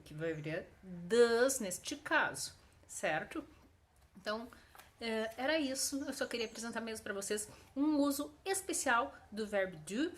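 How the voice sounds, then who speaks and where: A woman with a fairly high voice that rises and falls a lot gives a grammar lesson on video. She explains patiently and keeps checking in with her viewers. She slows right down to stress each example sentence. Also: fairly bright tone. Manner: explanatory, checks in often with short tag questions. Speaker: English teacher.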